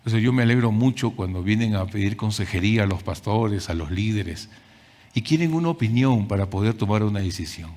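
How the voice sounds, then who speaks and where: A man preaching a sermon as pastor, emphatic and deliberate, repeating key phrases and addressing the congregation directly. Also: lowish voice, lively intonation, a little mellow. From Peru. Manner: deliberate delivery with climbing emphasis in lists.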